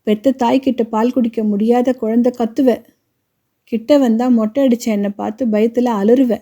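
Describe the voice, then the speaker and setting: A woman's voice: on the high side, fairly even intonation, moderate pace, mellow. A woman voicing a grieving, defiant grandmother. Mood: grieving reproach. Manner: impassioned, reproachful pleading.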